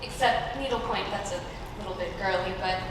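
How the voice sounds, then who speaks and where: A woman's voice: medium pitch, fairly quick, close to an everyday voice. A woman playing an exasperated, scolding, neglected wife in a comic stage play, confrontational and indignant. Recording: echoey noisy hall, far from microphone.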